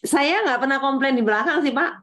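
A woman speaking as a guest on an online lecture, measured and earnest. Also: high-pitched, bright, forceful tone. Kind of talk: casual speech on a call.

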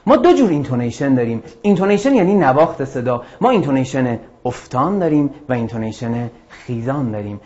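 A male teacher walks students through a lesson, his voice rising and falling in a lively, animated way. The audio is muffled and lo-fi, like an older classroom video. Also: medium pitch. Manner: lively, explanatory, addresses students directly. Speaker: English teacher. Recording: dull lo-fi audio.

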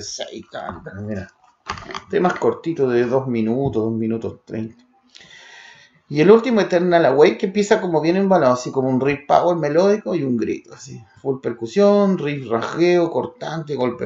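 A man's voice: mid-range voice, vocal fry, darkish tone, reverberant, dull audio. A man from Chile reviewing old metal demos, calling out riffs and drums in short word lists. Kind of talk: spoken demo review over music.

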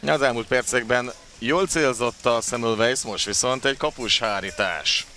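Male live sports commentator, mid-pitched, play-by-play, noticeable venue noise. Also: sharp tone. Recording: clear background noise of an outdoor venue.

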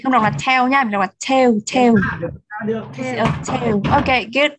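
A woman teaching English vocabulary to children, repeating words and gently correcting their pronunciation. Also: high-pitched, brisk, noisy background.

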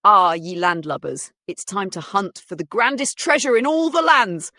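A woman's voice: medium pitch, animated, moderate pace, bright, forceful tone, no echo, clean studio sound, pitched above the performer's own voice. Woman doing a hammy pony pirate captain. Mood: swaggering. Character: boastful playful male pony pirate captain.

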